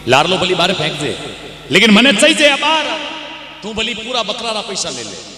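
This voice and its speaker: A man's voice: high-pitched, huge pitch swings, normal speed, pushed and bright, full character voice. A man voicing an impatient male trader who insists on a deal, speaking. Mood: insistent. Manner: pushy, insistent bargaining. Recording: echoey hall with music.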